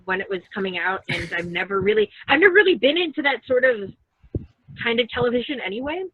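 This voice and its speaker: A woman's voice: fairly high pitch, big pitch swings, fast, breathy edge, no echo. A woman guest in a casual podcast chat, talking things through in a chatty, thinking-aloud way. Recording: tinny dry phone-like line.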